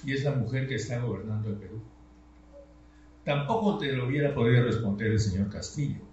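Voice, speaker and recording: An older man giving a classroom lecture, tired, slow and deliberate, posing rhetorical questions and pressing his points. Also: medium pitch, a little mellow. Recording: roomy, dull sound with faint hum.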